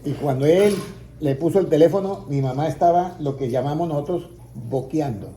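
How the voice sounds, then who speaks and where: A man's voice: on the high side, normal speed, warm tone, slight background noise. A man preaching a testimony, telling his story and acting out the voices in it, building to emphatic peaks. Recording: roomy echo, faint ambience.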